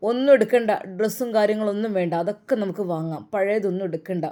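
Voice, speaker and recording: A woman's voice: mid-range voice, fast talker, warm tone, voice pushed down, lightly acted. A woman voicing a devoted young man who earnestly insists on protecting and caring for an older woman. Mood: insistent.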